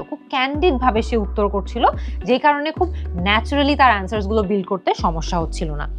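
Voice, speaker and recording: A woman working as a language-test instructor, patiently explaining a candidate's answers and quoting phrases to correct them. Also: medium pitch. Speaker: IELTS instructor and mock examiner. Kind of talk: teaching feedback, switching between two languages.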